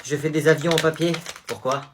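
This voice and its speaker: A man's voice: a little high, fairly even intonation, fairly quick, background noise. A young man acting in a casual comedy sketch, with playful, slangy delivery.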